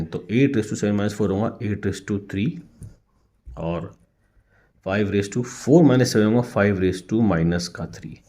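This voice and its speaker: A male maths teacher with an Indian accent explains exercise problems one step at a time, pausing to ask the class quick checking questions. His voice sits fairly low and has a dark, mellow tone. He delivers the lesson in a patient, repetitive way, close to the mic. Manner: patient, repeats steps, asks rhetorical checks.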